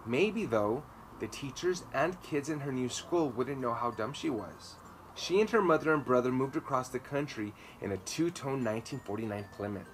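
A man in his thirties sits on a garden patio reading a children's story with dramatic, emphatic phrasing. His medium-pitched voice is expressive at a moderate pace. The recording is low quality, with clear ambient noise behind the voice.

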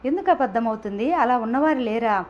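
A woman's voice: a little high, lively intonation, a little fast, a little mellow, muffled recording, natural voice. A woman reader voicing a breezy, teasing young woman student with a flippant manner.

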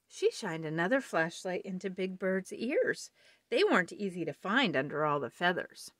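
Expressive woman reading a children's book. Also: on the low side, moderate pace, dry recording, clean studio sound. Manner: warm, expressive storytelling. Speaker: storybook reader. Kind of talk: children's read-aloud.

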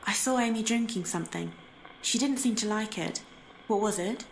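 A woman playing a video game protagonist who questions spirits in a measured way. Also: medium pitch, vocal fry, background noise, natural voice. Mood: inquiring.

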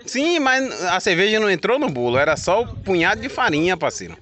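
A man's voice: high voice, big pitch swings, a little fast, bright, forceful tone. A man with a Northeastern Brazilian accent giving jokey, slangy, exclamatory commentary while teasing someone outdoors. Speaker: person filming and commenting. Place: outdoors, rural. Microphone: phone, behind the camera.

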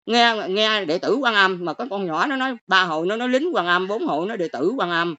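On a livestream, an older woman with a Southern Vietnamese accent rants at her viewers, scolding them quickly in a string of exclamations. Her medium-pitched voice is animated, pushed and bright, while the audio itself is dull and lo-fi.

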